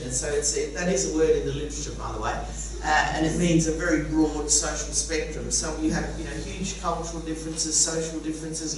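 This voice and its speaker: Speaking in a low voice far from the mic, a middle-aged Sicilian woman, an educator with Sicilian as her first language, delivers a chatty conference talk, wry and laughing at her own jokes. The conference room is very echoey, with a faint hum and her voice coming from afar.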